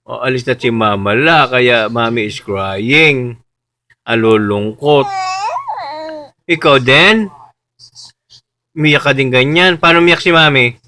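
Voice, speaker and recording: A woman speaks to a toddler in home-video baby talk, asking the same teasing questions again and again. Her voice sits rather low, and she drawls each line slowly and patiently. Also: noisy background. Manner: coaxing, repeats playful questions to a toddler; mixes English phrases into Tagalog. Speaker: caregiver talking to a small child.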